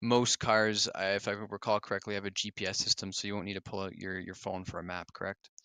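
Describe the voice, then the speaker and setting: A man's voice: lowish voice, flat delivery, fast talker, crowd noise. A man hosting a casual livestream Q&A, reading viewer questions aloud in a chatty way with fillers. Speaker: stream host.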